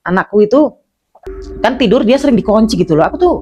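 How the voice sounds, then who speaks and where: A woman's voice: a little high, expressive, quick pace, a little mellow, husky, lo-fi sound. A middle-aged woman from Indonesia telling a personal horror story in a chatty way, filling it with fillers and calling her listeners "guys".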